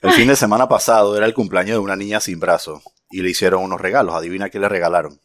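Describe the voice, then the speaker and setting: A man telling jokes in a casual chat, with a drawn-out, theatrical delivery. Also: deep voice, steady tone, fairly bright tone, no room sound, studio quality.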